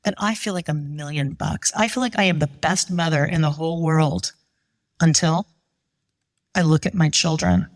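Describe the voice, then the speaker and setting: A slightly low-voiced woman, middle-aged, telling a true story on stage at a live event. She talks with animated energy and acts out the voices of the people in her tale. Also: normal speed. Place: live show at a winery.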